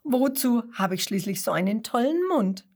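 A woman's voice: on the high side, expressive, moderate pace, darkish tone. A woman voicing a cheerful, clumsy kangaroo in a children's story, speaking in a playful, sing-song way. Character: cheerful, clumsy female kangaroo, noisy but kind.

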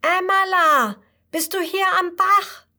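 A woman voicing a little bunny boy who calls out high and eager for his friend. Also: takes it slowly, a bit bright. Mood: calling out.

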